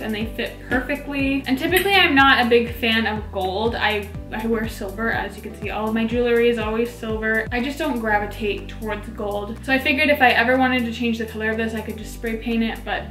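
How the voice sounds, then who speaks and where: A woman's voice: on the high side, fairly bright tone. A woman in her late teens chatting in a bubbly, casual haul-vlog style, with a slight lisp from a dental tray in her mouth. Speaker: video host. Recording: echoey room, music underneath. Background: background music.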